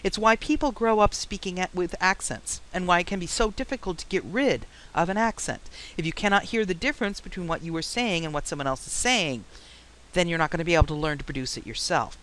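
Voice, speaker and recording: A woman teaching a psychology lecture, explaining points with anecdotes and deliberately varying her pitch, pace and loudness. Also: expressive, poor audio. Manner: varies pitch, rate and loudness on purpose. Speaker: psychology instructor. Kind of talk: classroom lecture.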